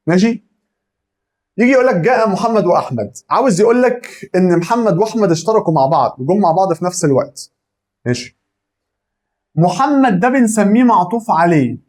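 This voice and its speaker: Animated Egyptian male grammar teacher. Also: high voice. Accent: Egyptian Arabic. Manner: animated, asks and answers his own questions. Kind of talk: lively classroom-style grammar lesson.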